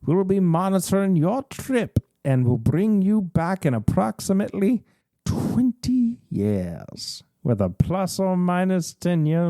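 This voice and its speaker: A man voicing the recorded announcement of a rocket capsule in a slow, measured announcer manner. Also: medium pitch, mellow, no echo.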